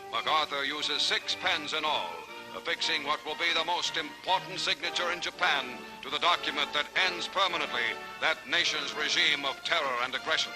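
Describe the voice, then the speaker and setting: Over loud music on a vintage newsreel soundtrack, an American man with a slightly high voice narrates a 1940s newsreel in a dramatic, formal announcer style. The audio quality is poor.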